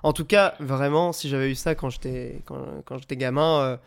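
Stuffy-nosed male podcast host, smooth voice. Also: mid-range voice, moderate pace. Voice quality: nasal, stuffy nose from a cold. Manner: relaxed, improvised, chatty. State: has a head cold. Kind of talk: casual live video game podcast hosting. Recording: music behind the voice. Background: music.

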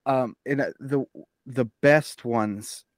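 A man's voice: mid-range voice, takes it slowly, no echo, clean studio sound. A man co-hosting a podcast, chatting casually in a rambling way, full of fillers. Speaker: podcast co-host. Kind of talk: casual chat.

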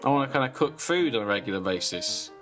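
A man, deadpan in a comedic casual chat as podcast co-host. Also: mid-range voice, quick pace, faint music behind. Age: 20s. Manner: deadpan, reading a list with asides.

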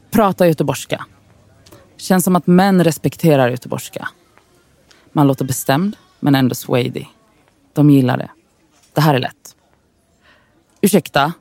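A woman's voice: low-pitched, creaky, warm tone, no room sound. A woman from Sweden in a scripted inner monologue, wry, frustrated and profane as she talks to herself.

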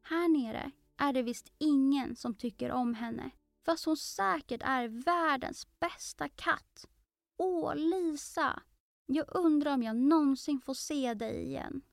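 Eager polite storybook girl, high voice, dry and close, woman doing it. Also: expressive, darkish tone, no room sound. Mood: sad. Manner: earnest and eager. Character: curious polite young girl Alice.

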